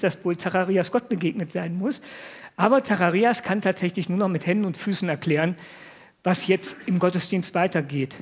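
A man with a high voice giving a relaxed, chatty sermon. He speaks in everyday, colloquial words and keeps turning to his listeners with rhetorical questions, retelling a Bible story in plain language. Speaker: preacher. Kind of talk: conversational sermon.

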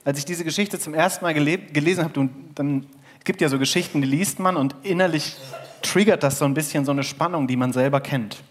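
A man's voice: on the high side, a little fast. A man preaching a sermon in a conversational way, telling a parable and asking the audience questions. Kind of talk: sermon with storytelling.

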